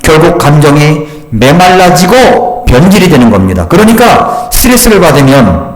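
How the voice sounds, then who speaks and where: A man's voice: fairly high pitch, big pitch swings, normal speed. An older man in his sixties, a pastor preaching a sermon with emphatic, rhetorical questions. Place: church sanctuary. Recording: echoey church hall.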